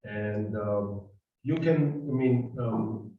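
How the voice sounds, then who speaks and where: A man's voice: lowish voice, very slow. A man leading a seminar, chatting and teasing his class casually with many restarts. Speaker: seminar leader. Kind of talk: casual joking welcome to a class. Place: meeting room with a table. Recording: very echoey, distant, dull room sound with faint noise.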